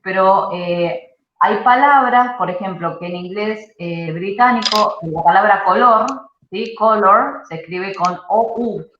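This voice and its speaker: A woman teaching an English grammar class online, explaining patiently and often checking in with a quick "¿sí?". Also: medium pitch, slight background noise. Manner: explanatory, checks understanding with frequent "¿sí?". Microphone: video call. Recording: muffled roomy video-call audio.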